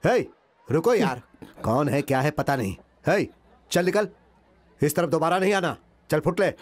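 Male gang boss, curt, slow, lively pitch, dry studio sound. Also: no echo. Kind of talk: Hindi film dub.

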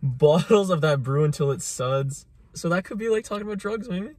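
A man co-hosting a casual music reaction chat, puzzling over lyrics aloud with quick laughs. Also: a little high, lively intonation, a little mellow, no room sound. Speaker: reaction video co-host.

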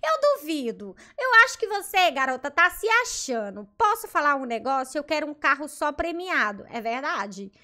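A woman with a Brazilian Portuguese accent giving excited, casual commentary on her Roblox gameplay, gasping often and reading other players' chat aloud. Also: extremely high pitch.

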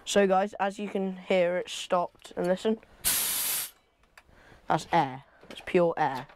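A man's voice: sits high, slow pace, a little hiss or hum. A young man from England chatting casually to camera as he works in a cluttered wooden shed, recorded on a clip-on lapel mic, rambling as he goes. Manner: chatty, rambling, talks while working with hands. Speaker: fishing vlogger. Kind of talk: casual vlog commentary.

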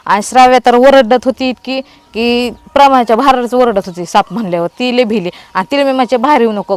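A woman's voice: on the high side, clear, resonant tone, no room sound. A woman, telling a story to her vlog viewers and acting out the dialogue. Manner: animated retelling with quoted dialogue. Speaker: vlogger.

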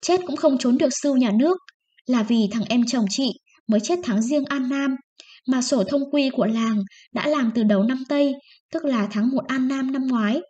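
A woman voicing a pompous male village clerk who explains the tax rules in a loud, lecturing way. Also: high voice, moderate pace, dull audio, close to an everyday voice.

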